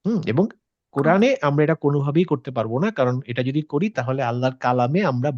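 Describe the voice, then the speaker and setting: A man's voice: mid-range voice, fast talker, darkish tone, dry recording. Patient male tajweed teacher, lo-fi. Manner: patient, checks with students by asking questions; mixes English words into his talk. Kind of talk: interactive class explanation. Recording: slightly dull, dry lo-fi audio.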